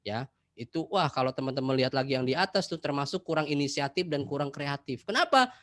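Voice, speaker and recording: A man giving an online class talk to schoolchildren, lively and addressing them directly over a video call. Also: mid-range voice, fast, no echo. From Jakarta. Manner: lively, addresses children directly, acts out examples. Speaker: presenter for schoolchildren.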